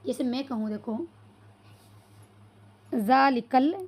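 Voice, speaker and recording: High-pitched woman tutor going over arabic letters, asks and answers her own questions, keeps checking everyone gets it. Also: moderate pace, darkish tone. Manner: repeats questions and answers them herself; checks understanding with "clear so far?". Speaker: Arabic teacher. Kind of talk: classroom-style lesson.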